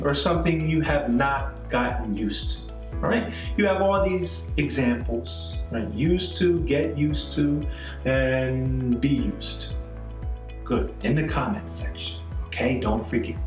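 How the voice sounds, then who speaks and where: In a classroom-style grammar lesson, a middle-aged Canadian man teaches English with an expressive, medium-pitched voice, taking his time. Patient and repetitive, he keeps checking in with "okay?" and "right?". Faint music, a distant mic, and an echoey room shape the sound.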